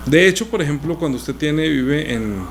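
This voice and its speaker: A male pastor teaches a sermon conversationally, unpacking scripture through everyday examples. His gravelly voice is on the high side and expressive, moving at a moderate pace, with slight hiss or hum in the background.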